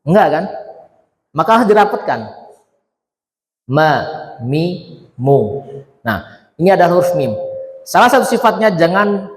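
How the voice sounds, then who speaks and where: A man's voice: high-pitched, expressive, brisk, long pauses. A male Quran teacher giving a tajwid lesson, drilling letter sounds one syllable at a time and quizzing his students. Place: Islamic centre hall. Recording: echoey hall with long reverb.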